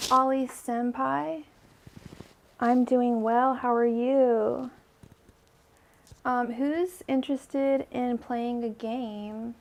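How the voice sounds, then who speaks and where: Hosting a live tarot stream, a young woman talks chattily with her audience, addressing viewers by name, leaning on filler words, and remarking that her voice feels weak today. It comes across a little high, gravelly, and darkish.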